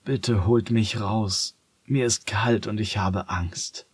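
A man voicing a greedy, sly farm cat in a storybook, speaking softly and pleadingly. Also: fairly low pitch, steady tone, slow pace, slightly rough, dry recording. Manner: soft, pleading.

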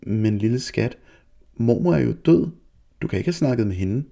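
A man doing a gentle soothing mother. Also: mid-range voice, animated, gravelly. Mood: reassuring. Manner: soothing, kind.

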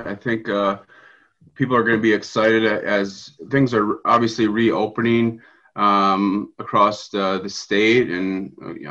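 A man being interviewed as a guest over a video call, speaking in a measured way with fillers. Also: fairly low pitch, fairly bright tone, muffled recording. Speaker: director of business operations, guest. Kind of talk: remote interview.

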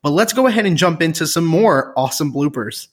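Male podcast co-host, high husky voice, animated, restarts his lines. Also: brisk. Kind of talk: casual podcast chat.

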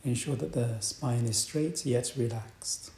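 This meditation teacher has a relaxed, soft-edged voice at a middling pitch, and he talks very slowly and deliberately with long, calm pauses between phrases. The room gives his voice a noticeable echo, with faint noise in the background.

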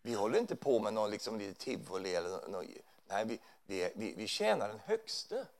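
He speaks at a fairly low pitch and is very animated. His sermon in a church hall is conversational, with frequent tag questions directed at his listeners.

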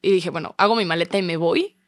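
A woman's voice: lowish voice, fast, no echo, clean studio sound. A young Mexican woman in her twenties, a podcast guest telling a story in casual chat and acting out the quoted lines. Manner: animated, acts out quoted dialogue.

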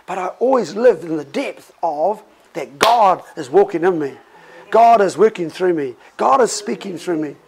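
Gravelly-voiced pastor guy, middle-aged, preaching like he's just chatting, tells stories, chuckles. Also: sits high, normal speed, noisy background. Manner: conversational, animated storytelling with laughs. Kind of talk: sermon.

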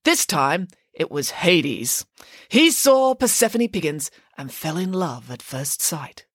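A woman's voice: low voice, big pitch swings, slow pace, breathy edge, no echo, studio quality, exaggerated voice. A woman voicing a grand, vain, cake-loving female pig nanny who boasts in a theatrical way. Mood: grandly boastful.

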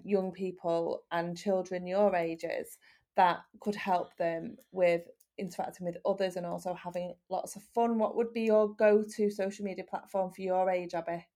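Mellow-voiced woman gently interviewing. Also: mid-range voice. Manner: gentle, encouraging, asks long leading questions. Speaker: host interviewing children. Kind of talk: casual podcast interview.

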